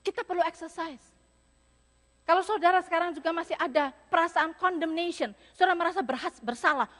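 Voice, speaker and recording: A woman's voice: very high-pitched, a little fast, a bit bright. A woman pastor with an Indonesian accent preaching a sermon, mixing English phrases in and repeating key words. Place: church hall. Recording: echoey church hall.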